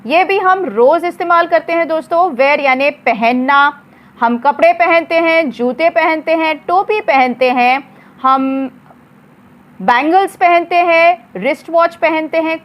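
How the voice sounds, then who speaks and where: A woman teaching English words in a slow lesson, spelling them out letter by letter and repeating each one. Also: sits high, muffled recording.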